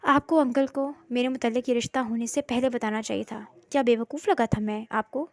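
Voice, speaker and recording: A woman's voice: on the high side, steady tone, dry recording, natural voice. A woman reading a storybook voicing an obsessive, lovesick young man who speaks in a stern, demanding way. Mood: angry.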